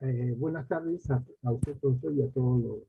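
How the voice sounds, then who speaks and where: A man's voice: medium pitch, normal speed, creaky, a little hiss or hum. A man taking part in an online class, reading aloud carefully and a bit hesitantly over a video call. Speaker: course participant. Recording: tinny online call audio.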